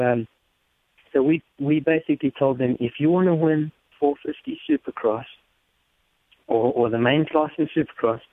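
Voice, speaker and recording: Heard over a muffled, narrow-band phone or radio line with no echo, a South African interview guest who belongs to a motorcycle race team casually shares stories. His voice is medium in pitch, and he frequently repeats words as he talks.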